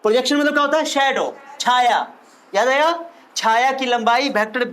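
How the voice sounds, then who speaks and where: A man's voice: very high voice, normal speed, fairly bright tone, smooth. A male physics teacher giving a classroom lecture, playful and teasing, repeating questions back to his students.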